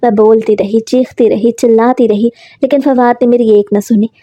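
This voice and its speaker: A woman's voice: a little high, steady tone, normal speed, warm tone, no echo, highs cut off. A woman narrating a dramatic first-person story in an earnest, emotional storytelling manner.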